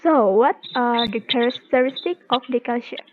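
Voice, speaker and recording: A young woman with a Malaysian accent asks polite, somewhat stilted questions. Her slightly high voice comes through a tinny, phone-like line with faint noise. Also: normal speed. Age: 20s. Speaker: student interviewer.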